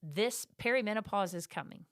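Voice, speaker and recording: A woman's voice: medium pitch, fairly quick, fairly bright tone, no echo, clean studio sound. A middle-aged woman co-hosting a podcast, talking in a chatty, emphatic way. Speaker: podcast co-host. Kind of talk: casual podcast chat.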